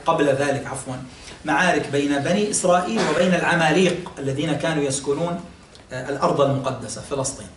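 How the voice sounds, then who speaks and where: A man teaching a classroom religious lesson, explaining patiently, quizzing listeners and pausing on fillers. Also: a little high, slight background noise. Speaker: sheikh teaching Quran exegesis. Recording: echoey room, mic at a distance, faint ambience.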